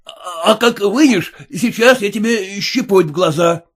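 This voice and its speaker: A man doing a haughty, jumpy gentleman passenger. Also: high-pitched, measured pace, pitched above the performer's own voice. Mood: demanding, nervous. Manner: indignant, demanding. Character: nervous, haughty gentleman passenger in a fur coat.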